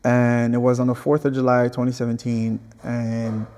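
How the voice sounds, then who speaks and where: A young Angolan man whose first language is Portuguese talks earnestly as a guest artist in a casual interview, often restarting phrases. His mid-range voice is warm, steady in pitch and normal in speed, with a big-room sound.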